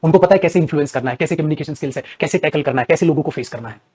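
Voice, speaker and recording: A man with an Indian accent teaching spoken English in a lively classroom lecture that switches between Hindi and English and acts out examples. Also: a little high, rapid-fire, slightly rough. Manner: animated, acts out examples, addresses students as dear and beta.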